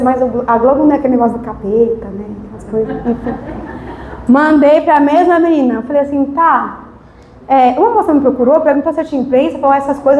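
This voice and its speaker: A woman's voice: high voice, roomy sound, lo-fi sound, a little hiss or hum. A woman deaconess from Brazil, giving a testimony sermon and acting out conversations as she tells the story. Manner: animated storytelling, acting out dialogue. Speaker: deaconess preaching. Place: church service.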